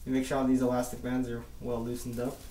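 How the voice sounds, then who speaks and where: A young man reviews an airsoft mask indoors in a casual, rambling vlog with mild swearing, his voice muffled by the balaclava and mask he has on. He talks quickly in a warm, mid-range voice with completely flat delivery. The camera audio is distant and roomy, with slight background noise.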